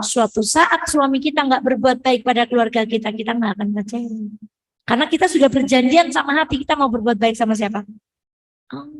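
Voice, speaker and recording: Lady preacher, kinda high voice, playful sermon, keeps asking the ladies questions. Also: fairly bright tone, low-quality recording. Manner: playful, acts out quoted prayers and dialogue; quizzes the audience with repeated "Bu". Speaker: preacher addressing women. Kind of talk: lively sermon with questions to the audience.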